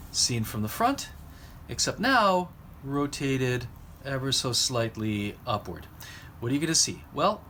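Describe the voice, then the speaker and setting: A man explaining how to draw eyes and mouths, talking while he sketches and pausing between phrases. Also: medium pitch, fairly bright tone, a little hiss or hum. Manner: explanatory, talks while drawing, pauses mid-phrase. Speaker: drawing instructor. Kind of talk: recorded art lesson.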